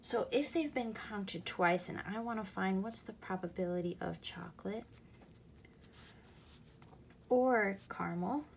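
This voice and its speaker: A woman's voice: mid-range voice, unhurried, creaky, long pauses, slight background noise. A woman teaching a recorded math lesson, explaining patiently and going back over each key point.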